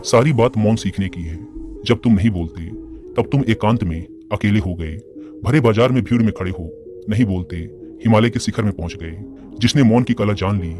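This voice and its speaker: A man voicing a calm, wise older spiritual teacher, speaking in a slow, measured preaching tone. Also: fairly low pitch, lightly acted. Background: music.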